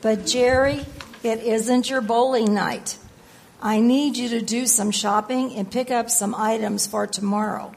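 Woman playing a firm, slow-talking grandmother. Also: fairly high pitch, fairly even intonation, gravelly, darkish tone. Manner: firm and insistent. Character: firm, busy grandmother who insists on family devotions. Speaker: church member in a skit. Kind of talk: amateur church skit acting.

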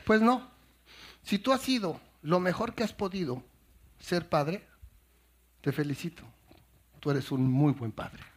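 A man's voice: a little high, measured pace, pauses often, background noise. A man doing a stand-up comedy routine on stage, telling stories animatedly and acting out the characters' lines. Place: stage before a laughing audience.

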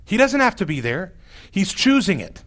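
High-voiced, wry male preacher. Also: sing-song, moderate pace, fairly bright tone. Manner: wry, exasperated storytelling. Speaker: pastor. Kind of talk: sermon.

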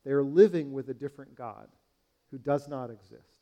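A man's voice: mid-range voice, normal speed, mellow. A man preaching a sermon, earnest and searching, asking his congregation questions and addressing them as friends. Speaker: pastor.

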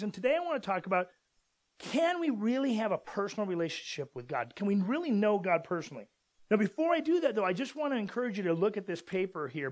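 A man in his forties from Southern California, a pastor giving a casual, conversational sermon and rambling with many fillers and restarts. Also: sits high.

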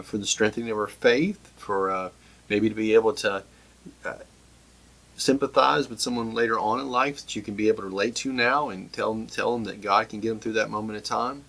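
Gravelly, husky male preacher. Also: fairly low pitch, a bit bright, poor audio. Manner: earnest, repeats words and restarts often. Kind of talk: sermon broadcast.

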